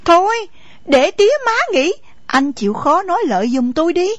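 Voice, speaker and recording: Woman doing a sharp-tongued sulky young wife. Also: high-pitched, very animated, moderate pace, dry recording. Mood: defiant. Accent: Southern Vietnamese. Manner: mocking, sarcastic. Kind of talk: radio drama acting. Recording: dull lo-fi recording, faint music.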